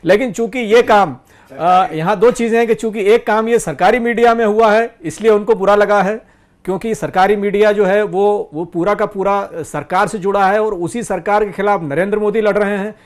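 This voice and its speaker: A man's voice: high-pitched, fairly even intonation, moderate pace. A man hosting a studio news discussion, who listens attentively and sums up his guest's points before putting his next question.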